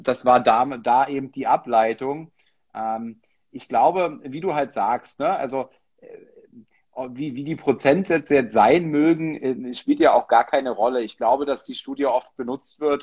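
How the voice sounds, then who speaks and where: A man hosting a podcast interview, talking in a hesitant way and filling his pauses with many "ähm" sounds. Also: mid-range voice, a little mellow, breathy edge. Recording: dull, lo-fi sound.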